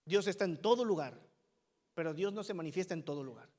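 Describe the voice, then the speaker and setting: A man's voice: high voice, animated, fast talker, a little mellow, big-room sound. A male pastor preaching a sermon in a church, emphatic and full of rhetorical questions to the congregation. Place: church sanctuary.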